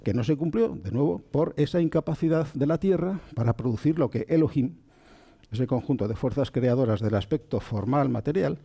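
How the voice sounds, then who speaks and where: A man teaches in a calm, unhurried voice that is dark and mellow. His pitch rises and falls a lot as he explains and asks his listeners questions. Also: vocal fry, husky. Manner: slow and gentle, checks in with listeners. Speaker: spiritual teacher. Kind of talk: calm spoken lecture on Kabbalah.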